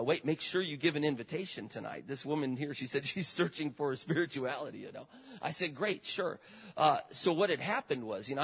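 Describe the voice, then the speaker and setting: A middle-aged man preaching as a traveling evangelist, his voice a little husky and sitting somewhat high. He tells his stories in a loose, folksy way, stacking up fillers and calling out amens. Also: fairly bright tone, rough recording. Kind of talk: sermon testimony.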